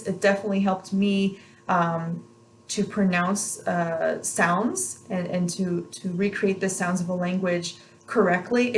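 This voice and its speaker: A woman's voice: mid-range voice, slight background noise. A woman giving an instructional pronunciation lesson on rolled R exercises, repeating practice sounds in an encouraging way. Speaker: language pronunciation teacher.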